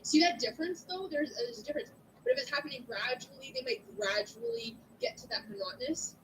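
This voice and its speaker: A woman lecturing a class in an animated way, acting out little scenes with clients. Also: high voice, a little fast, a little hiss or hum, poor audio. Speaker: instructor.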